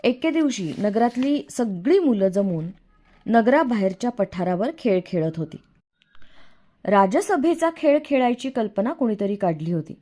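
Expressive woman reading a novel aloud. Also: a little high. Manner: expressive, storytelling. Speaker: audiobook narrator. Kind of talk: first-person novel narration.

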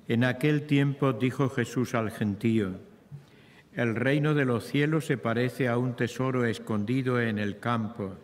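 Slow male priest in cathedral echo. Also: medium pitch. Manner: measured, pausing between phrases. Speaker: priest reading the Gospel. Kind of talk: solemn liturgical reading. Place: large open chapel, lectern microphone. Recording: long cathedral-like echo, PA in chapel.

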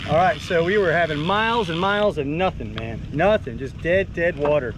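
A chatty man in his forties explains fishing tips from an open boat, his voice a little high for a man. The recording picks up clear boat and engine noise outdoors, caught on an action camera. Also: normal speed. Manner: chatty, excitable when fish bite. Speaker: fishing channel host. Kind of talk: casual on-camera fishing tutorial.

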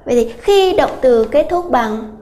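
A woman with a high, light voice is teaching a grammar lesson for an exam-prep class. She explains step by step and repeats the key points slowly. Frequent hesitant fillers break up her sentences. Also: lively intonation, mellow. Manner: slow, repetitive explaining with many filler "à" sounds. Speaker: English teacher.

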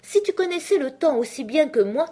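A woman voicing the mad male Hatter in a storybook reading, speaking high, loud and scornful. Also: lively intonation, fairly quick. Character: mad male Hatter, rude, fussy and contrary.

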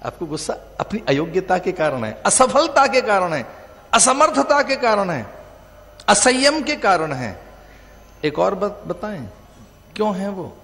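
A man's voice: high-pitched, very animated, unhurried, fairly bright tone. A man with a north Indian Hindi accent giving a religious discourse, stressing his points with long repeated lists that rise and fall. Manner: emphatic, repetitive lists, rising and falling delivery. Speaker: spiritual teacher giving a discourse. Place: large venue. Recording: reverberant hall with faint music.

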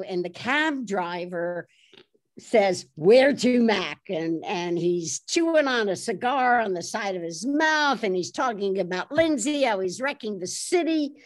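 A woman author being interviewed, telling behind-the-scenes stories in a lively, animated way and laughing easily. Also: medium pitch. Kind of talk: anecdotal storytelling in conversation.

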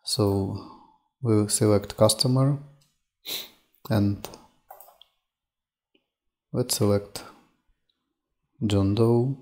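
In this screen-recorded software tutorial, a man with a lowish, flat voice demonstrates the program at a slow, unhurried pace. He goes step by step as a demo presenter, often filling gaps with "uh" and "um."

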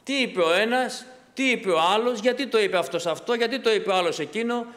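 A man with a notably high voice preaches with fervour, posing questions to his congregation and answering them. His words ring out with a long reverb from the church hall around him. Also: fairly bright tone. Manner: impassioned preaching with rhetorical questions. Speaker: pastor. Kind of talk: sermon.

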